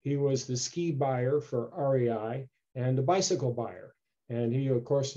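Older man telling stories over video call. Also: mid-range voice. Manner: relaxed storytelling, clears throat often. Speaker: local history speaker. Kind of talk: informal slide-show talk. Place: home room with bookshelves. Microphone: video call webcam. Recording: dull lo-fi video call audio.

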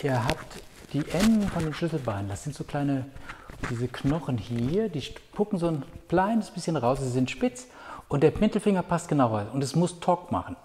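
A man teaching a home yoga class, giving calm, patient step-by-step cues with a clip-on mic. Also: a little high, moderate pace, slight background noise. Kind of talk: guided yoga instruction. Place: room at home. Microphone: clip-on microphone. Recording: long hall reverb.

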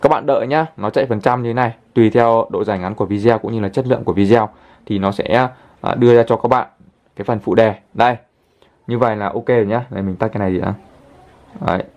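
A man hosting a casual app tutorial, chatting his way through each step and filling pauses with little pointer words. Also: on the low side, darkish tone. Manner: chatty, fills pauses with constant "đấy" and "đây". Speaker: channel host, tutorial presenter.

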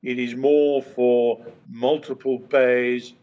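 An older British man on a video call, speaking as a panelist in a measured way, with many pauses and fillers. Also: medium pitch, level tone. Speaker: trade association chairman, panelist. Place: home study, indoors. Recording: muffled video-call audio.

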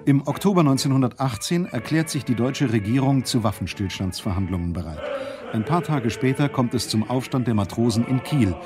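A man reading scripted historical narration as a documentary narrator. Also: mid-range voice. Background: music.

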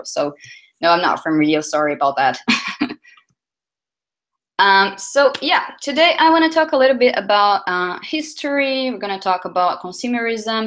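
A woman's voice: lowish voice, fairly bright tone. A woman in her thirties, a UX designer, giving a conference talk in a chatty way with many fillers and self-corrections. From Brazil.

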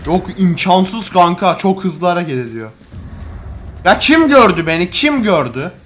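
A young man commentates a game in a high, very animated voice. He swears freely and exclaims excitably, chatting casually with a friend over faint noise and clicks. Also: measured pace. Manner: excitable, exclaiming, heavily foul-mouthed. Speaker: gamer recording a co-op video.

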